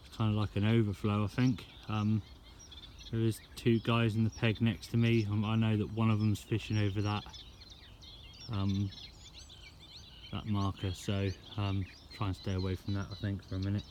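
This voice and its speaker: A man's voice: fairly low pitch, monotone, moderate pace, a little mellow. A man talking casually to camera in a laid-back, slangy way, as a fishing vlogger. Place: outdoors at a fishing lake. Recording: outdoor ambience and background noise.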